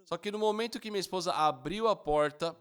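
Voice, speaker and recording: A man's voice: high voice, brisk, a bit bright, smooth. A man interpreting a sermon, telling a personal story and acting out the dialogue in it. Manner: storytelling, acts out dialogue with raised voice.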